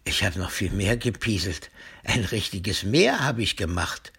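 A man's voice: lowish voice, animated, a little slow, fairly bright tone, slightly rough, heavily acted. A man voicing a small, cheeky and imaginative boy in a storybook reading, with a lighter, childish manner.

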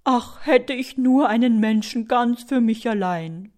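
A woman's voice: mid-range voice, measured pace, a little mellow, natural voice. Storybook louse, female, lazy and self-pitying, sighs a lot, as a woman puts her on. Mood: sighing. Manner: sighing and whiny. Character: lazy, sighing, sorry-for-itself head louse.

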